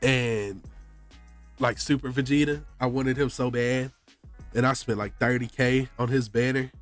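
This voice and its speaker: A man's voice: mid-range voice, fairly even intonation, measured pace, faint music behind. A man streaming a game while sick with a blocked nose, chatting casually with viewers in loose, slangy speech full of "bro". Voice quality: congested, stuffy nose. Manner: slangy, often says "bro".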